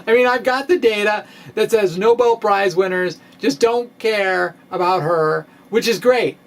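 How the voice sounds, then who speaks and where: In a small room full of bookshelves, a middle-aged physics vlogger speaks into a stand microphone placed in front of him, dramatically reading his science blog. His high-pitched delivery is quirky and halting, full of drawn-out pauses, over a steady, clear background noise.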